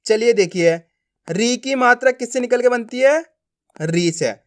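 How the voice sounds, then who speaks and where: A man teaching beginners to read, speaking with friendly classroom prompts and slow, drawn-out syllables. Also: very high-pitched, lively intonation. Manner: slow drilled pronunciation, repeated prompts to learners. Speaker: Hindi reading teacher. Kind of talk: classroom-style lesson.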